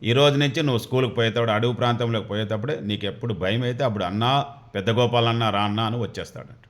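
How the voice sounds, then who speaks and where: A man voicing a poor widowed village mother who gently coaxes her son. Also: mid-range voice, racing, natural voice. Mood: coaxing.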